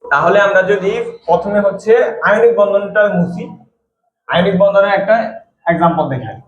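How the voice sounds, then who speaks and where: High-voiced man teaching in echoey room. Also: fairly quick. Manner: repeats key points, asks class questions. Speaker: chemistry teacher. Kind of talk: classroom lecture. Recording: echoey room, dull lo-fi sound.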